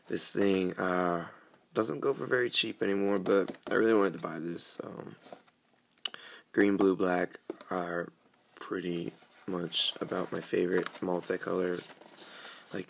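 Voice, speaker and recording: A young man talks through an unboxing in a rambling, casual way, full of ums and restarts. His voice sits very low, and the cold he has leaves it grating and gravelly. It sounds like a camera mic in a room at home. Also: a bit bright, a little hiss or hum. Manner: rambling, filler-heavy. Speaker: card game vlogger.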